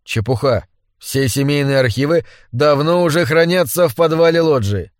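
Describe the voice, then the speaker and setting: Brief: man voicing a persistent, hard-nosed young man, slightly high voice, dry close mic. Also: normal speed, dry recording, natural voice. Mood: insistent. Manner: blunt, persistent questioning. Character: stubborn, insistent young man. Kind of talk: audiobook character voice.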